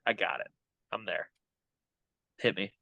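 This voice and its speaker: Upbeat young man giving a bright pep talk. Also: fairly low pitch, steady tone, measured pace, vocal fry, no echo, dull audio. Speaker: guest hitting coach. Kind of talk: casual podcast interview.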